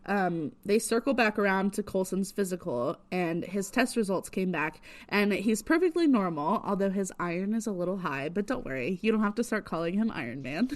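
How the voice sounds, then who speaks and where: A woman co-hosting a podcast, recapping a TV episode in casual chat, animated and laughing often. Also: medium pitch. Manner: animated, laughs often, squeals at big moments. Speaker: podcast co-host.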